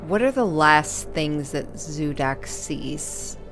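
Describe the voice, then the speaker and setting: A woman running a tabletop role-playing game as game master, narrating in a measured, deliberate way with dramatic pauses. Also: sits low, lively intonation, fairly bright tone, soft background music.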